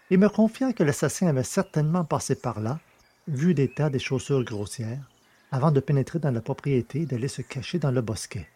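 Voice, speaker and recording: A man with a mellow, slightly husky mid-range voice narrates an audiobook, reading scripted literary text.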